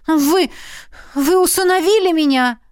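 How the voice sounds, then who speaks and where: A woman reading an audiobook, voicing a flustered young heroine who protests in a squeaky, shrill voice. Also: unhurried, no echo, studio quality. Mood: protesting.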